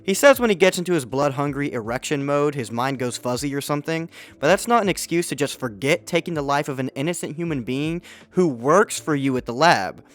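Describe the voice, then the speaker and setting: A man's voice: fairly high pitch, fairly quick, few pauses. Sarcastic young man doing a film review. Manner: mocking, deadpan asides. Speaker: video essayist.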